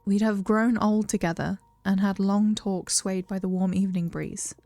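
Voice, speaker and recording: A woman voicing a young fortune-teller witch in a video game, reading the dialogue softly and earnestly. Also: mid-range voice, fairly even intonation, normal speed, lightly acted. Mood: tender.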